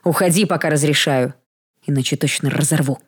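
Woman putting on a deep, vibrating dragon voice. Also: brisk, husky. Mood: menacing. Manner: cold, threatening. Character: dragon-possessed young woman, menacing.

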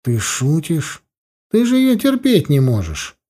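A man's voice: fairly high pitch, wildly swooping pitch, a little slow, warm tone, voice pushed up, exaggerated voice. A man voicing a laid-back teenage schoolboy. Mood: easygoing. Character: teenage schoolboy, easygoing and matter-of-fact.

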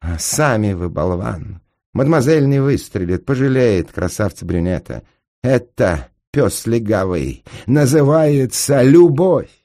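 A male reader voicing an oily, mocking young card-sharp in a smooth, theatrical manner, in an audiobook. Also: mid-range voice, expressive, unhurried, voice pushed up. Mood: sneering.

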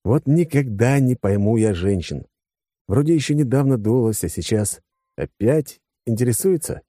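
A man narrating a story in a lively, wry storytelling manner. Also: medium pitch, moderate pace, no room sound, studio quality. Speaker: audiobook narrator. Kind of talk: scripted narration.

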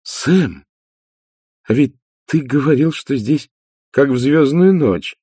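A man's voice: medium pitch, lively intonation, takes it slowly, mellow, husky, no room sound, clean studio sound, voice pushed up. A man voicing a grand, effusive aristocratic woman in a storybook reading, sweeping and theatrical in manner. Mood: gushing.

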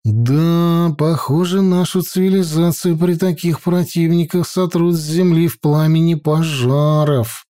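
A man's voice: fairly high pitch, expressive, mellow. A man doing a grumbling young comrade. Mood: musing. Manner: grumbling, drawn-out musing.

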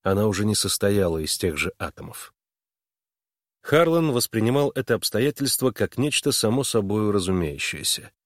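A man narrating a novel in an even, steady audiobook reading. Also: lowish voice, no echo, clean studio sound. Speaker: audiobook reader. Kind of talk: scripted narration.

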